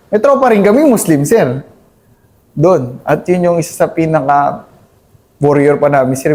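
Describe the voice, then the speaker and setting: A man in his thirties, an army captain, earnestly recounting combat in a halting, deferential way, addressing his host as "sir" constantly. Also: fairly high pitch, darkish tone. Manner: deferential, says "sir" nearly every phrase; earnest, halting storytelling with many restarts. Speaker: army captain, interview guest. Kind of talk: conversational war recollection.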